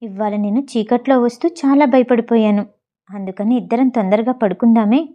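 A woman voicing a nervous, flustered young woman who speaks in hushed tones. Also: on the high side, moderate pace, lo-fi sound, close to an everyday voice.

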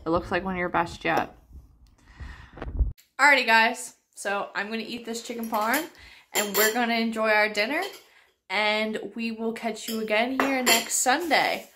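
A woman's voice: fairly high pitch, normal speed, pushed and bright. A young woman hosting a home vlog, chatty and teasing in casual talk. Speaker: vlog host. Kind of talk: casual chat. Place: home kitchen, indoors. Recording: noisy home kitchen.

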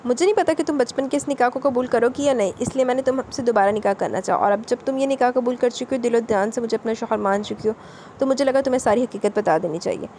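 A woman's voice: on the high side, quick pace, warm tone, a little hiss or hum, natural voice. A woman voicing a young husband who is loving and possessive, coaxing and scolding his crying wife in an audio novel. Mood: soothing. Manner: pleading, coaxing then scolding.

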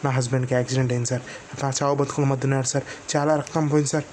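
A man's voice: mid-range voice, level tone, racing, a little mellow, slight background noise, lightly acted. Man doing a frantic young woman begging. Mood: pleading. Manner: urgent, pleading, repeats "sir".

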